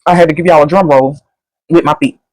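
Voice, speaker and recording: A woman's voice: deep voice, fairly even intonation, fast talker, darkish tone, dry recording, low-quality recording. A woman doing a casual, rambling food review at home, sassy and sometimes talking while she eats.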